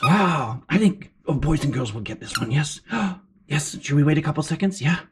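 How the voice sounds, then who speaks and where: A woman voicing an excitable, encouraging furry puppet as a kids show host, with gasps and exclamations while teaching children. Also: sits low, normal speed. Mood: excited, encouraging. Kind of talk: children's lesson, sing-out praise and questions. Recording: clear background noise.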